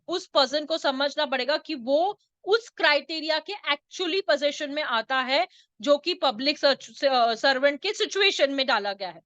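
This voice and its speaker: A woman teaches a law lesson, explaining terms and firing quick questions at her students. Her voice is high and bright. The sound is dry and a little muffled. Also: no echo. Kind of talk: online law lecture.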